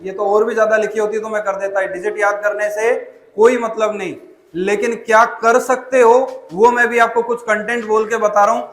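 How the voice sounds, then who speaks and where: A man's voice: high voice, little pitch movement, normal speed, a bit bright. A man giving a memory-training demonstration to a class of students, speaking to them directly and calling them child. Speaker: memory trainer presenting a school seminar. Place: school hall with students. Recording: echoey hall.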